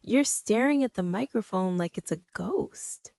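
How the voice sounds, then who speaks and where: A woman English teacher hosts a scripted lesson dialogue, encouraging her student and spelling out new words. Her delivery is unhurried and melodic, with wide swings in pitch. The sound is close and dry. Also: expressive, gravelly, mellow, dry recording.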